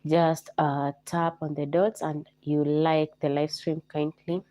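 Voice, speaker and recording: Low, mellow-voiced Kenyan woman hosting a livestream. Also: flat delivery, takes it slowly, no echo. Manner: repetitive, coaxing viewers to like and comment. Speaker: live stream host. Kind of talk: live stream chat.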